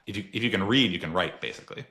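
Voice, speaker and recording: The podcast host has a low, pushed, bright voice and speaks rapid-fire. He chats easily through the casual interview, laughing a lot and using plenty of fillers.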